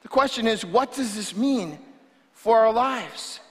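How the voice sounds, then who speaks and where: A man's voice: very high voice, expressive, measured pace, fairly bright tone, slightly rough. A man preaching a sermon as a pastor, with fervent, fiery rallying oratory and emphatic repetition. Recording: reverberant hall.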